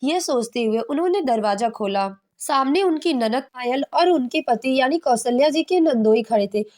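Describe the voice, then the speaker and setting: A woman's voice: high voice, expressive, normal speed, a little mellow. A woman narrating a scripted family story, reading all the characters' lines in her own voice. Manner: reads every role in her own voice.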